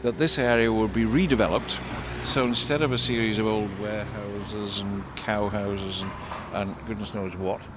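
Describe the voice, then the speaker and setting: An older man giving unscripted commentary as an architect and local guide, discursive and explanatory, halting and repeating words. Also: steady tone. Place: outdoors in a shopping street. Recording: vehicle rumble, street noise. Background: faint street traffic rumble.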